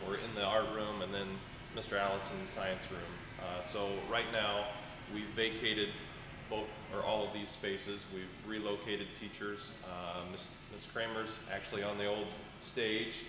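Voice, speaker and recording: A low, level-voiced man in his thirties explains building work slowly, with lots of "uh"s. He sounds far from the camera mic in a stripped, echoing room. A steady hum of background noise runs under him. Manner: explanatory, steady, frequent fillers, gestures while talking. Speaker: school administrator. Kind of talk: on-site walkthrough explanation. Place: large empty classroom under construction, indoors. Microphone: camera mic from a distance.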